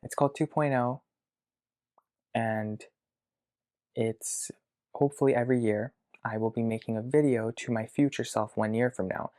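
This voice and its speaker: A man's voice: medium pitch, fairly even intonation, darkish tone. Hesitant young man recording a video diary. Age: around 20. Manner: hesitant, reflective, thinking aloud with pauses. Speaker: vlogger. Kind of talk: video diary to his future self. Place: his childhood bedroom.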